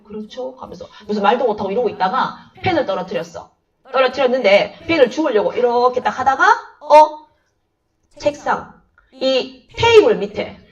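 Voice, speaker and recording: Lively woman teacher telling classroom stories. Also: mid-range voice. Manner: chatty, animated storytelling, acts out dialogue. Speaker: Korean literature teacher. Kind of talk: lecture with anecdotes. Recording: dull, slightly distant lo-fi sound.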